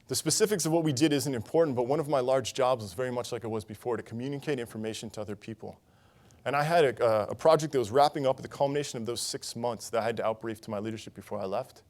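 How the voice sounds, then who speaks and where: On a conference stage, a young man earnestly tells a personal story as part of his talk. His voice is medium-pitched and a little mellow.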